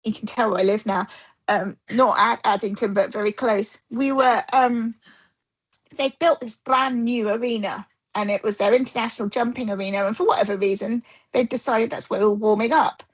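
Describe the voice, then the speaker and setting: A woman's voice: a little high, normal speed, breathy edge, poor audio. A middle-aged woman, a dressage coach, telling stories in an interview and acting out the dialogue as she goes. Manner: animated, acts out quoted dialogue. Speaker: dressage rider and coach, guest. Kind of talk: casual storytelling interview.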